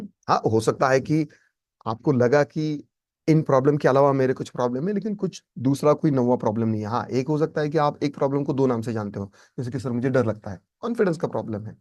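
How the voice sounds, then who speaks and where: A man's voice: medium pitch, expressive, a little fast, darkish tone. A man teaching a spoken English lesson, emphatic and repeating his key points.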